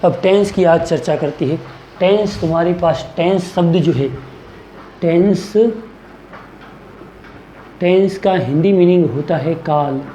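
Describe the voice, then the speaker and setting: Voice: medium pitch, normal speed, warm tone, roomy sound, slight background noise, poor audio. A teacher giving a grammar lesson in a coaching classroom, who asks a question, answers it and repeats the key words.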